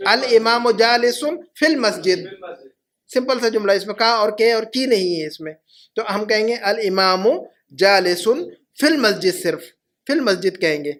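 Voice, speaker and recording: A middle-aged man teaching Arabic to a class, patiently repeating each phrase slowly. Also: sits high, a bit bright. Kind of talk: classroom lesson.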